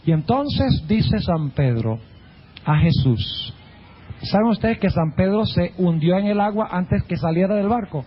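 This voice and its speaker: A man preaching a sermon emphatically, with rhetorical questions and drawn-out words. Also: high voice, lively intonation, husky, muffled recording.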